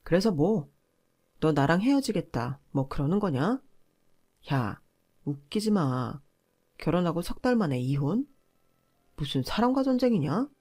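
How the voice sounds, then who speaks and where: A woman's voice: low voice, big pitch swings, unhurried, pauses often, dark tone, full character voice. A woman voicing an arrogant young husband who lectures his wife with contempt. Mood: contemptuous.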